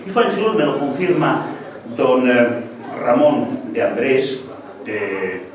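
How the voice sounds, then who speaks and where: An older man talks in a professorial, digressive way, his pitch rising and falling with lively emphasis. He is picked up from a distance in a very echoey hall, with faint noise behind him. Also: slow pace. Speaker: lecturer. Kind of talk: public talk. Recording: echoey hall, mic from far off.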